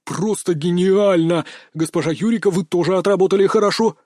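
Man doing a breathless excited film director. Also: high voice, a little fast, no room sound, clean studio sound. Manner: shouting, breathless, gushing. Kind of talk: audiobook narration.

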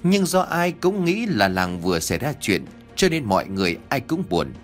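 A man's voice: medium pitch, very animated, moderate pace, faint music behind. A man reading a rural mystery story aloud as narrator, formally addressing his listeners. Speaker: audiobook narrator.

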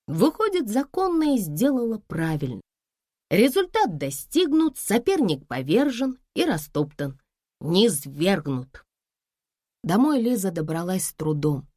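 Slow, expressive female audiobook narrator. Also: mid-range voice, no room sound, studio quality. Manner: expressive storytelling. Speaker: audiobook reader. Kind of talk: scripted narration.

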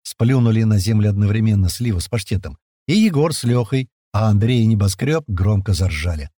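A man narrates a first-person audiobook in a casual, colloquial manner. His pitch is animated and swings widely, while the recording is dry and close with no room sound. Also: fairly quick, dry recording. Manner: lively, colloquial storytelling.

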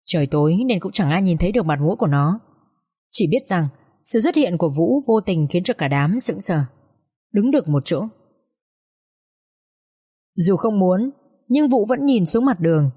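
A woman narrating a dramatic audiobook story with steady, expressive delivery. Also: lowish voice, moderate pace, pauses often, husky.

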